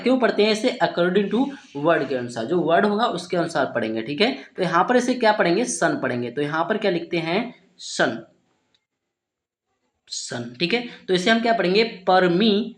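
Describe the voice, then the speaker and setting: A man teaching beginners to spell and pronounce English words letter by letter, often asking a question and answering it himself. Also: high voice. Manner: repeats ठीक है, asks and answers himself. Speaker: English tutor. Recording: roomy echo.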